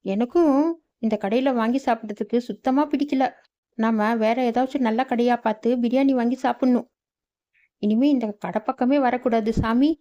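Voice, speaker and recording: A woman's voice: a little high, steady tone, moderate pace, mellow, highs cut off, close to an everyday voice. A woman voicing a chatty woman customer who complains along with a friend. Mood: disgruntled.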